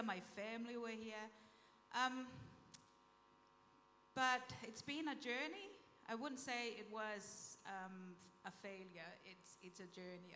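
A woman from Tonga sharing a heartfelt church testimony in a soft-spoken way. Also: mid-range voice, in a large hall, a little hiss or hum. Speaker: panel speaker at a church event. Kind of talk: testimony talk.

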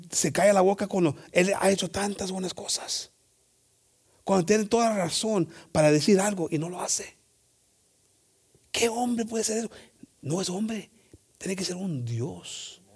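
A male pastor preaching a sermon, reading scripture slowly and switching between English and Spanish. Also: high-pitched, a little mellow. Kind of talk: bilingual sermon.

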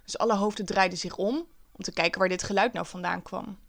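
A woman, a teacher herself, telling a story from her school days. She sounds wry and lively and pokes fun at herself, with a voice of middling pitch. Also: fairly quick, gravelly. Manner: wry, lively, self-mocking. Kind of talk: personal storytelling.

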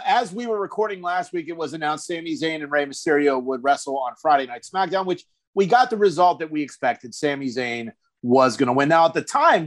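A man hosting a podcast from New Jersey, joking in casual banter. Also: on the high side. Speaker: podcast host.

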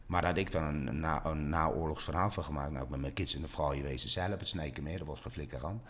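A middle-aged man, an actor and voice actor, chatting in an animated way and sometimes slipping into voices. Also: fast. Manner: animated, swings pitch, slips into voices. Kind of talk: casual interview talk.

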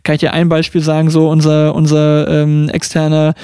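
A middle-aged man from Germany, co-hosting a casual chat podcast and telling stories with lively impressions of others. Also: fairly high pitch, normal speed, smooth, no echo, studio quality. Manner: animated storyteller, mimics others mid-story. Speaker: podcast co-host.

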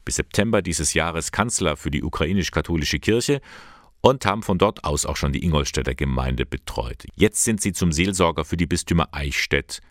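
A man presenting a church news report and interviewing a guest, with a clear, measured delivery. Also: a bass voice, no room sound, clean studio sound. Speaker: radio presenter.

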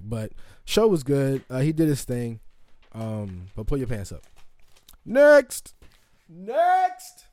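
A man's voice: medium pitch, a little mellow, no room sound, studio quality. A young man hosting a casual comedic monologue, rambling and profane with lots of ums and asides. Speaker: show host.

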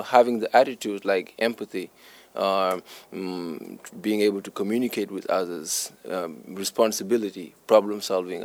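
A man with a Senegalese accent speaks in a deep register with a creaky, gravelly edge. He answers interview questions earnestly, repeating phrases for emphasis like a committed teacher. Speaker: English teacher being interviewed.

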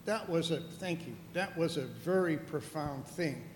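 An older man from the Netherlands, a guest telling his life story calmly and reflectively on stage. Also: fairly high pitch, a little slow. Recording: echoey hall with long reverb, faint noise.

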